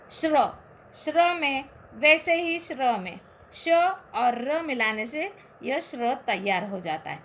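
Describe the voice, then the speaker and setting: Slow, high-voiced teacher with a Marathi accent. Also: female voice, a bit bright, slight background noise. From Maharashtra, India. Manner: slow, carefully enunciated recitation with explanations. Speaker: school Hindi teacher. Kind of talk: recorded lesson.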